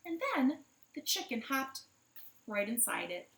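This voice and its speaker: In a living room at home, a woman hosts a children's library storytime, speaking expressively to young kids in simple phrases and questions. Her voice is a little high, sing-song, slightly slow, gravelly, and fairly bright, and the home recording is roomy and echoey.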